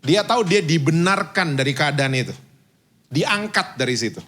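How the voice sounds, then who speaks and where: A man's voice: a little high, normal speed. A man in his fifties, a pastor preaching a sermon. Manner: lively storytelling, mixes in English phrases. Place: church stage.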